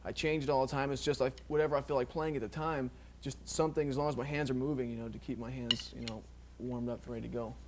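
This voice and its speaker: A man teaching drum technique in a relaxed, rambling way, full of ums and you knows. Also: mid-range voice, fast talker, hardly any pauses, slight background noise. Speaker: drum instructor. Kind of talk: casual instructional explanation.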